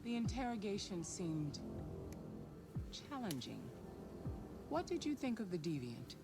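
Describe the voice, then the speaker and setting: An actress playing a cool, authoritative handler of an android detective, speaking deliberately over game music. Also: female voice, mid-range voice, very animated. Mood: commanding. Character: cool commanding artificial handler woman. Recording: game audio with music behind.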